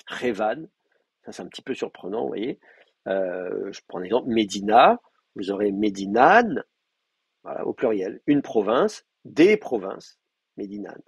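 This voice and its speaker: Husky-voiced man teaching a class. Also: lowish voice, animated, no room sound. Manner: explanatory, repeats forms slowly, many fillers. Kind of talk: university lecture.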